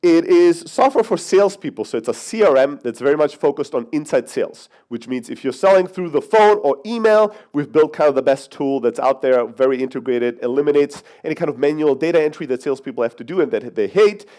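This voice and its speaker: Animated and a little fast, with few pauses, this man's voice sits on the high side with a dark tone. He's a thirtysomething Greek raised in Germany, giving a brash, profane, joking keynote to an audience in a conference hall.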